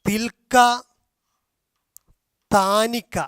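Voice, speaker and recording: A man teaching a language class, slowly repeating and drilling grammar forms, with a Malayali accent. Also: sits high, flat delivery, fairly bright tone, clean tone, dry recording, clean studio sound. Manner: slow, drilling repetition of forms. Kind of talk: explaining grammar in a video class.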